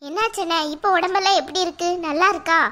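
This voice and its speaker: A woman's voice: very high-pitched, quick pace, fairly bright tone. A woman voicing an earnest, protective younger sister who worries over her injured brother, in a cartoon. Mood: concerned. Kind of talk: cartoon voice acting.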